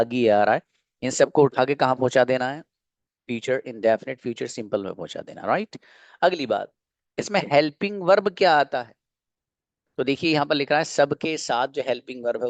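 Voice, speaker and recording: A man's voice: medium pitch, dry recording, lo-fi sound. A man teaching an online grammar lesson. He, asks questions and answers them himself, and repeats each example patiently. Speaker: English teacher.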